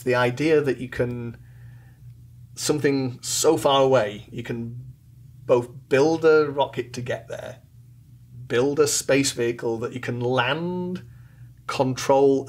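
A middle-aged British man from England, answering interview questions in a thoughtful, measured way with fillers. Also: medium pitch, a little hiss or hum. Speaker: interview guest, loudspeaker designer. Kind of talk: relaxed conversational interview.

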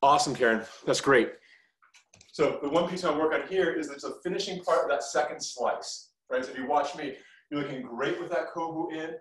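A man's voice: fairly high pitch, fairly quick, fairly bright tone. A middle-aged man teaching a live kung fu class, giving short instructional commands and encouraging feedback. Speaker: martial arts instructor. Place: medium-sized living room, indoors. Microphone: camera across the room. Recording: roomy echo, distant mic.

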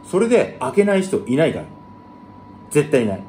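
A man hosting his own channel, talking bluntly in rough, slangy casual speech and explaining things to viewers. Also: sing-song, fairly quick, warm tone, slight background noise. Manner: blunt, rough slangy talk with big jumps in pitch. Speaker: channel host. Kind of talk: casual monologue to camera.

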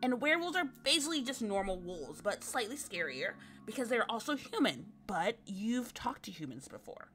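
Anxious young heroine with a higher, bright voice and tumbling run-on worries, read aloud by a woman; game dialogue. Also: very animated, moderate pace, few pauses, soft background music. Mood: excited, nervous. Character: nervous rambling young female adventurer.

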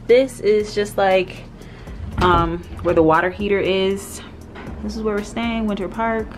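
A woman's voice: medium pitch, steady tone, measured pace, over music. A woman vlogging casually from a mountain rental cabin, chatty and correcting herself, short of breath. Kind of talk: casual vlog narration.

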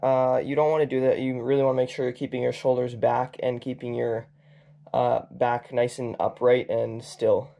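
A man's voice: mid-range voice, flat delivery, normal speed, vocal fry, mellow. Guy coaching skiing, chill tone, tips with lots of uh and um. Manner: casual, points out tips with fillers. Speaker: ski coach. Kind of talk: instructional commentary.

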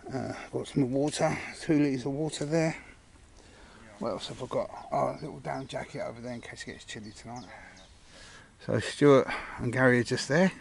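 A man's voice: medium pitch, creaky. A middle-aged man, chatting casually while filming himself outdoors at a woodland camp. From England. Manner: chatty, relaxed, upbeat. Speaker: outdoor vlogger. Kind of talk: casual vlog narration. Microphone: handheld action camera at arm's length.

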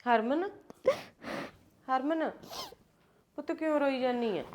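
A woman's voice: high voice, takes it slowly, darkish tone, muffled recording, slight background noise. A middle-aged actress playing a patient mother who soothes and admonishes her grown children. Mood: gentle. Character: patient mother pleading for family peace. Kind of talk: film drama dialogue.

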